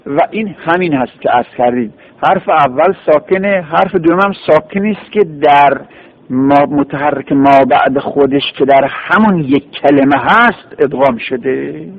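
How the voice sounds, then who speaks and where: A man giving a patient classroom grammar lesson, spelling out word forms one by one. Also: fairly high pitch. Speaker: teacher of Arabic grammar. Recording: tinny phone-like radio recording.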